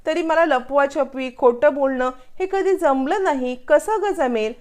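A woman's voice: high voice, a little slow, a little mellow, pitched above the performer's own voice. A woman reading the lines of an anxious, honest mother who hates secrets. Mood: worried. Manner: worried, hesitant.

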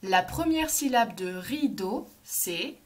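A woman teacher, leading a phonics lesson for young children, slow and clearly articulated and encouraging. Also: mid-range voice, lively intonation. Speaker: kindergarten teacher.

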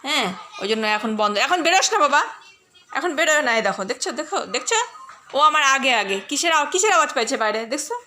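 A woman's voice: high voice, animated, fairly quick, sharp tone, a little hiss or hum. A woman chatting casually in a home vlog, often switching to doting baby talk with her dog. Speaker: vlogger. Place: indoors at home.

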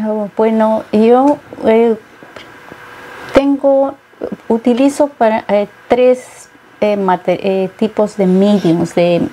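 A middle-aged Peruvian woman, a painter, is interviewed on a studio set lined with bookshelves. Her voice is on the high side, slow and mellow, and she speaks thoughtfully with many hesitations. Slight background noise is present.

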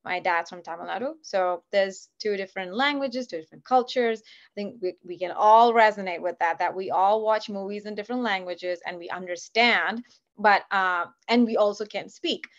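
A woman's voice: medium pitch, normal speed. A woman in her thirties from Kuwait, a podcast guest talking enthusiastically and chattily with many fillers over a video call from a home office. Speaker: podcast guest, business founder. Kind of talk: casual interview talk. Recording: dull lo-fi video call audio.

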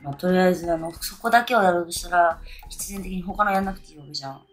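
Very fast and lowish-voiced, a drunk woman in her thirties vlogs casually to camera on her own. She rambles and keeps losing her train of thought. Soft music plays in the background of the small indoor bedroom or hotel room.

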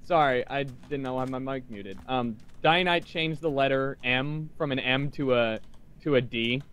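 A man's voice: medium pitch, moderate pace, a bit bright, smooth. A young man chatting casually while playing Minecraft, goofy and playful. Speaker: Minecraft player. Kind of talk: casual gaming chat.

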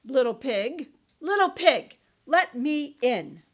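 A woman voicing a menacing, sly male wolf who draws out his threats slowly and loudly. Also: high-pitched, big pitch swings, noisy background, full character voice. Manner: loud, slow, drawn-out threats.

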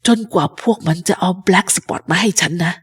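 Woman reading as a husky, ailing old pirate captain. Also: a bit bright. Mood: secretive. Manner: slow, low, strained speech. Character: sick old male pirate captain, drink-hungry and fearful. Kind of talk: storybook reading.

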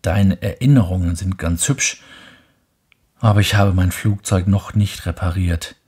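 A man voicing a tired, thirsty stranded pilot in a hushed, weary bedtime reading. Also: deep voice, steady tone, a little slow, slightly rough.

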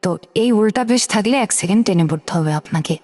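Patient female teacher, middle pitch, repetitive drilling delivery, reverberant hall sound. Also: lively intonation, a little mellow. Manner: patient, repeats letter sounds slowly and drills. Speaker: Quran reading teacher. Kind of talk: step-by-step recitation lesson.

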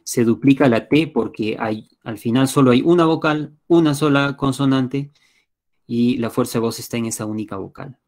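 A man with a medium-pitched, slightly mellow voice speaks at a normal speed while teaching English live online through a computer mic. His accent is Peruvian Spanish. He explains patiently in steps and frequently pauses to check that students follow along.

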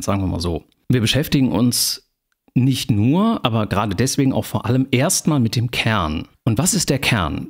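A man giving a university lecture, explaining in a measured way and addressing students formally. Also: lowish voice, slightly rough.

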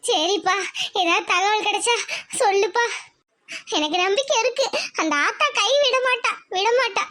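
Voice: very high-pitched, moderate pace, bright, forceful tone. A performer voicing a distraught middle-aged village mother who wails and sobs in a cartoon. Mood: weeping. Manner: wailing, sobbing lament. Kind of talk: cartoon voice acting.

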